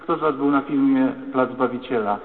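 A man preaching a lively, dramatic sermon as a priest in a church. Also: medium pitch, normal speed. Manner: lively, dramatic, acts out shouting voices. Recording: echoey church, tinny phone-like sound.

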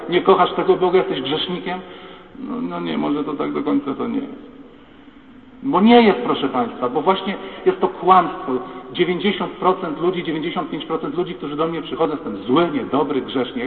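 A priest preaching a sermon, his slightly high voice turning to the congregation with questions and appeals. The sound is tinny and phone-like. It rings with a long echo through a large church hall. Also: creaky, far from the mic. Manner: rhetorical, addresses the congregation directly.

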